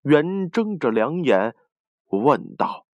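A man narrating a children's folk tale in an expressive, lively reading. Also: fairly high pitch, takes it slowly, no room sound. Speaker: storyteller. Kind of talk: storybook narration.

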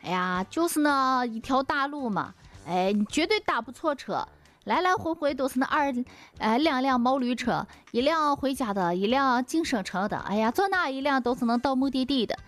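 A woman's voice: high-pitched, lively intonation, normal speed, fairly bright tone, no echo, faint music behind. A woman telling a comic story in a chatty way, full of exclamations and dialect words.

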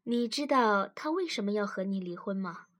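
A woman voicing a calm, composed male psychologist in a storybook reading, asking quiet, measured questions. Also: medium pitch.

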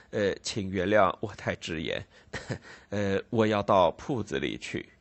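A man's voice: sits low, lively intonation, slow, gravelly, no echo, pitched below the performer's own voice, full character voice. A man voicing a timid middle-aged shopkeeper who speaks hesitantly, apologizing with nervous little laughs. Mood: apologetic, flustered.

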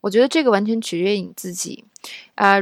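A woman's voice: mid-range voice, fast talker, no echo, studio quality. A woman from China teaching English pronunciation in a casual spoken lesson, explaining patiently and often checking in with the listener.

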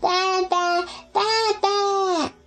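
A woman voicing a clingy, sweet newborn male duckling with high, childlike calls in a children's story. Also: level tone, drawn-out words, a bit bright, soft background music, exaggerated voice.

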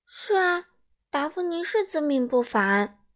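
An eager, curious little storybook boy whose lines lift high and bright, as a woman reads him. He sounds friendly and keen. The voice sits well above an ordinary woman's pitch. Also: big pitch swings, a little slow. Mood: earnest. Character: cheerful, curious young male character. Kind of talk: children's storybook reading.

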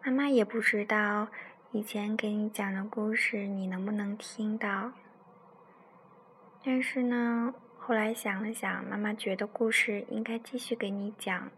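A woman telling a bedtime story to her child as a mother, in a soft, tender, gentle way, with music playing faintly behind. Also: mid-range voice, steady tone, measured pace, a little hiss or hum.

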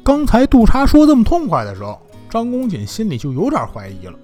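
A man narrating a traditional tale in a lively, colloquial way. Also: high voice, fairly quick, faint music behind. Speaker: storyteller.

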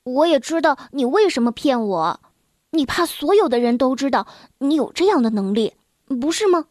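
A woman's voice: high voice, very animated, moderate pace, darkish tone, no echo, clean studio sound. A woman voicing a curious schoolboy who stammers and insists, in a children's story. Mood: puzzled.

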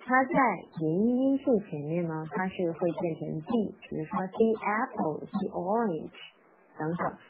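A woman's voice: fairly low pitch, expressive. A woman teaching an English pronunciation lesson in a live stream, patiently repeating words and reading a nursery rhyme aloud. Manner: patient and instructive, repeats words slowly and spells out sounds; reads the rhyme aloud at slow, medium and fast speeds. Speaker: English teacher for parents and children. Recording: tinny phone-like sound with faint background noise.

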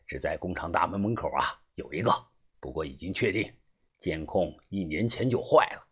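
Sly middle-aged fixer, low and slick, husky grain, read by a man. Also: expressive, moderate pace. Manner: smooth, chuckling, knowing. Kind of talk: audiobook character voice.

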